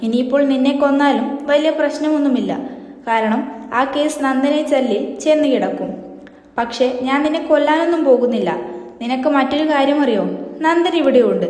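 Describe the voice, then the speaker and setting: A woman's voice: high-pitched, fairly quick, darkish tone, natural voice. A woman reading out the lines of a cold, scheming young man from a soap serial, in her own plain voice. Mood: menacing. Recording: roomy with long reverb.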